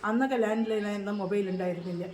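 An older woman who lives in a care home speaks quickly, telling her story in an emotional interview. She stumbles, restarts and repeats herself as she talks through her grief. Her voice sits at a middle pitch, and a faint hum runs behind it. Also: darkish tone. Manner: halting, grieving, repeats herself.

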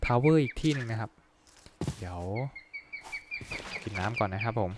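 A young man giving polite, chatty let's-play commentary, breaking into excited outbursts. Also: lowish voice, moderate pace, very noisy. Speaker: gaming YouTuber.

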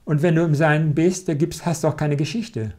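Male meditation teacher, calm and reassuring, a touch high-pitched, warm and soft, answering viewer questions live. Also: normal speed. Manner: calm, gently reassuring, often adds a questioning "nicht?".

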